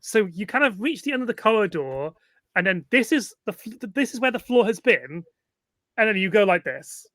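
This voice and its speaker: A game master narrating a tabletop role-playing game in slow, deliberate bursts with frequent pauses and fillers. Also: medium pitch, very animated, a bit bright, dry recording, studio quality.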